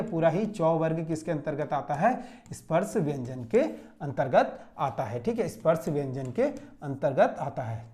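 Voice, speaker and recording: A man's voice: fairly high pitch, darkish tone. A young man teaching an exam-solution lesson at a board, drilling points rhetorical questions he answers himself. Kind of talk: classroom exam-solution lecture. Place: classroom standing at a board.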